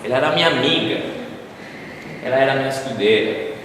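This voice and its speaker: A man with a Brazilian accent preaching a sermon as a first-person dramatic monologue. His theatrical storytelling moves from hushed lines to loud pleading cries. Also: mid-range voice, a little fast, background noise. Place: church sanctuary. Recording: echoey church hall, distant mic, faint ambience.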